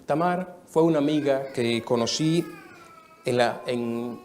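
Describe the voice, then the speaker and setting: Speaking slowly at a medium pitch, this Dominican preacher in his thirties shares his testimony with a live congregation. He tells it earnestly, sometimes softly and sometimes with emphasis, over slight background noise.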